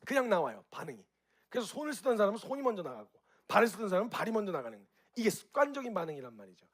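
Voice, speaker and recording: Fast-talking husky man addressing a crowd. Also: high voice. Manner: animated, direct questions to the audience; acts out reactions with sound effects. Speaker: speaker at a group gathering. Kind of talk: lively spoken talk to an audience.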